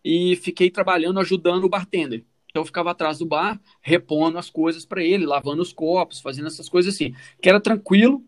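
He talks fast with few pauses, his voice high, while sharing his own story in a relaxed, informal way. The man co-hosts a podcast, has a Brazilian Portuguese accent, and often tosses in little check-in questions.

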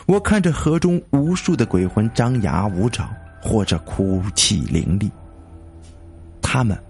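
A man narrating a story in a slow, dramatic reading style. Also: fairly low pitch, gravelly, husky. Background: faint music.

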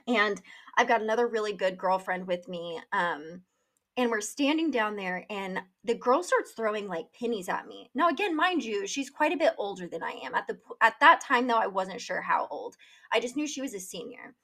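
A woman's voice: mid-range voice, expressive, normal speed, a bit bright. A woman hosting a podcast, telling a personal story in a casual, candid way, swearing freely with plenty of fillers. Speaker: podcast host.

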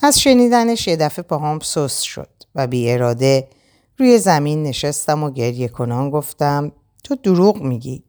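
A woman narrating a first-person novel in a measured, expressive reading. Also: low-pitched, clear, resonant tone. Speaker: audiobook narrator.

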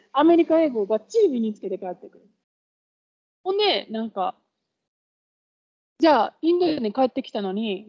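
A woman's voice: fairly high pitch, mellow, husky, dry recording. A woman with a Kansai accent co-hosting a casual podcast chat, explaining with examples and laughing often. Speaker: podcast co-host. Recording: dull lo-fi podcast audio.

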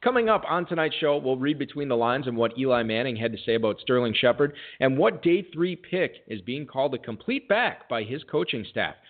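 A man's voice: medium pitch, lively intonation, a little fast, few pauses. A man hosting a fantasy football talk show, reading promos with jokey, self-deprecating patter. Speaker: podcast host. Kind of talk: casual sports radio talk. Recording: tinny phone-like audio.

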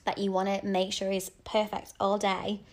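Chatty woman, slightly croaky. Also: medium pitch, monotone, normal speed. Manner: chatty, giving friendly practical tips. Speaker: wedding makeup artist, podcast co-host. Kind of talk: casual podcast chat.

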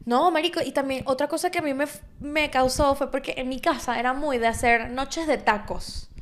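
A young Venezuelan woman with a Venezuelan accent hosts a casual podcast chat, her voice high-pitched and moderately paced. She tells stories with slangy asides and laughter.

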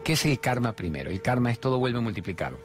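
A man in his fifties speaks with an Argentine accent as he hosts a spiritual talk show. He delivers an animated monologue and often asks rhetorical questions. Quiet music plays faintly behind his voice. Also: medium pitch, fast talker. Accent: Argentine Spanish. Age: 50s.

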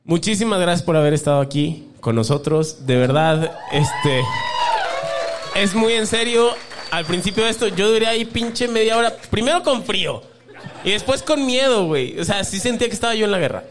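A Mexican man with a high voice for a man jokes crudely on a casual podcast. He swears freely and leans on slang. His pitch climbs in the banter. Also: lively intonation, normal speed, slight background noise. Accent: Mexican Spanish. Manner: crude, joking, heavy slang. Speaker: podcast co-host and musician.

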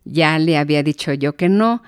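A woman's voice: deep voice, moderate pace, smooth. A woman giving a talk on emotions in parenting, speaking conversationally with frequent rhetorical questions. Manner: conversational, asks rhetorical questions, acts out her own thoughts.

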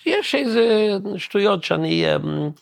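Guest composer, male, very gravelly, slightly high, halting storyteller who keeps hunting for words. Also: big pitch swings, no room sound, clean studio sound. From Williamsburg, New York. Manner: halting, searching for words, many restarts. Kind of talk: casual storytelling interview.

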